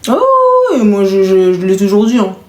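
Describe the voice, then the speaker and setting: A woman's voice: mid-range voice, fairly even intonation, brisk, warm tone, echoey room. A woman in her thirties hosting a live stream and taking callers, talking in a casual, teasing and joking way. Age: 30s.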